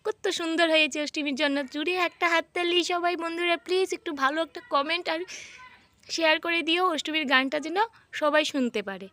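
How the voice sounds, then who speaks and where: A woman's voice: very high voice, brisk, pushed and bright. A woman filming her little daughter for a family vlog, chatting to viewers and coaxing and soothing the child.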